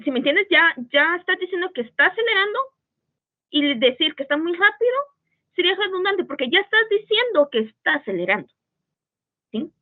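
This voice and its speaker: A woman teaching an online writing class, patient and checking often that students follow. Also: high-pitched. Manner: patient, checks understanding with frequent "¿sí?". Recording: tinny phone-like call audio.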